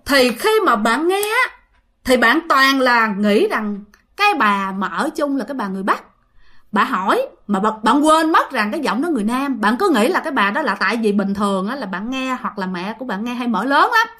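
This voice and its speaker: A woman's voice: a little high, animated, normal speed, bright, forceful tone. A woman telling ghost stories in a chatty way, talking straight to her listeners with many fillers. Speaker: ghost story narrator. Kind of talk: casual storytelling.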